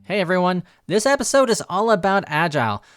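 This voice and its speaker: A man's voice: sits high, very animated, fairly quick, a bit bright. A man speaking casually as a podcast host, giving an explanatory introduction straight to his listeners. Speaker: podcast co-host, software developer.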